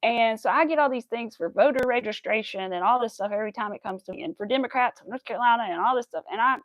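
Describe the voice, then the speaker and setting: Crocheting on a livestream, this American woman in her early thirties rambles chattily and counts her stitches out loud. She talks fast in a slightly high voice, captured with no echo but in low quality.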